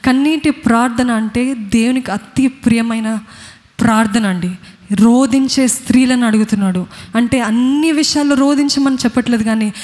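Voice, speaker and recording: Woman preacher, Telugu accent, high-pitched voice, long hall echo. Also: normal speed, a little mellow. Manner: earnest, questioning the congregation directly. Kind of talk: sermon. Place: church.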